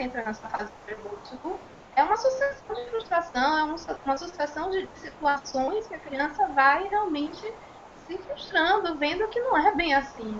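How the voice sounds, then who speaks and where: A woman with a Brazilian Portuguese accent, a child and speech therapist, explaining on a panel in a measured way with frequent tag questions. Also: high-pitched, a bit bright. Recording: muffled, slightly noisy recording.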